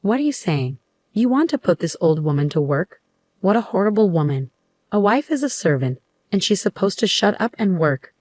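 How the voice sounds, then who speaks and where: A woman's voice: mid-range voice, very animated, normal speed, darkish tone, dry recording, studio quality. A woman reading as a bossy older mother-in-law. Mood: scolding. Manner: harsh, scolding, commanding.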